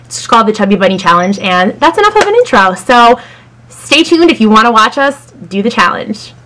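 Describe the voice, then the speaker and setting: Young woman, fairly high voice, casual video host, faint noise, small room. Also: big pitch swings, a little fast, fairly bright tone, poor audio. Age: young adult. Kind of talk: casual chat to camera.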